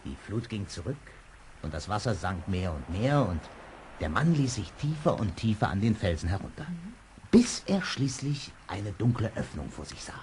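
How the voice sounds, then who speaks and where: In a noisy vintage German children's radio play with ambience, an actor voices a male boatman guide who teases listeners with spooky tales full of dramatic suspense. The mood is ominous and suspenseful. His voice sits on the low side, slightly mellow, with big pitch swings at a moderate pace.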